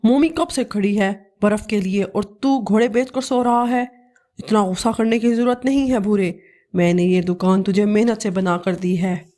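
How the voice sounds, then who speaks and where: A woman's voice: medium pitch, normal speed, mellow, natural voice. A woman doing a bossy elder crow brother. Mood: scolding. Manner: scolding, bossy. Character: stern elder male crow, shopkeeper brother.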